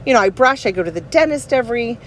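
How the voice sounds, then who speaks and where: A woman's voice: a little high, expressive, fast talker, a little hiss or hum. A woman in her forties chatting casually about a personal experience in a rambling, emphatic, conversational way. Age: 40s. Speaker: vlogger.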